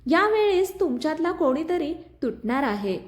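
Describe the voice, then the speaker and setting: A woman's voice: sits high, big pitch swings, normal speed, pitched above the performer's own voice. A woman voicing a scheming male villain who taunts the others through a speaker, in a mocking manner, for a storytelling audio. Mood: taunting.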